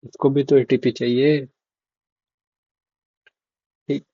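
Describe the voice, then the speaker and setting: A man's voice: mid-range voice, little pitch movement, slow, mellow, husky, dry recording. Casual young male medical tutor. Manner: casual, asks "ok?" and repeats key terms to check understanding. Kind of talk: informal lecture explaining to students. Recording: dull, dry lo-fi mic.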